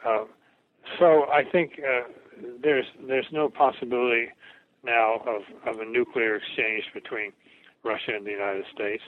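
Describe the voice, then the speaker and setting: Halting older man on a tinny line. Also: mid-range voice, steady tone. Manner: halting, repeats words, thoughtful. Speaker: historian interviewee. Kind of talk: reflective academic interview. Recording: tinny phone-like radio recording.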